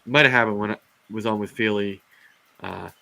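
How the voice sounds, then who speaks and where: Over a rough recording comes a lowish, creaky male voice, pushed and bright, at normal speed with fairly even intonation. He's a reptile live show host chatting casually, rambling and ranting with many fillers and restarts while his voice fades.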